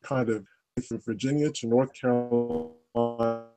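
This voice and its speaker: A man explaining family history research over a video call whose audio keeps breaking up, so his speech comes through in halting fragments. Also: mid-range voice, fairly even intonation, over loud music. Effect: choppy video call audio cutting out. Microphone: remote call connection.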